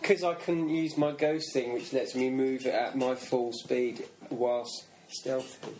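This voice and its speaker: A player in a tabletop game, talking in a playful, excitable way. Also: mid-range voice, slow pace. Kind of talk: casual tabletop game chat. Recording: echoey room with background noise.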